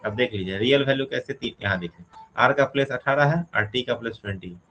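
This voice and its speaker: A man's voice: medium pitch, fast, fairly bright tone, slight background noise, poor audio. Male teacher working through a problem. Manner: asks questions and answers them himself, counts step by step. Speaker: reasoning teacher. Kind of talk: explaining a classroom problem.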